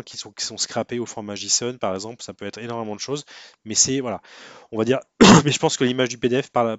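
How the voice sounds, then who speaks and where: A man's voice: medium pitch, no echo. A man giving a casual webinar lecture, talking to a student in a conversational way with many fillers and restarts.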